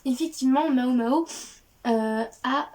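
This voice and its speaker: A woman's voice: high-pitched, unhurried, darkish tone. A woman hosting a casual book haul, cheerful and gushing, with frequent hesitations and restarts. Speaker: book video host.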